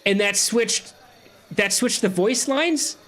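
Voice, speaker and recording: A man's voice: high voice, expressive, slow pace, a bit bright. A man giving casual, joking let's-play commentary while chatting with a friend. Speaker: gaming streamer.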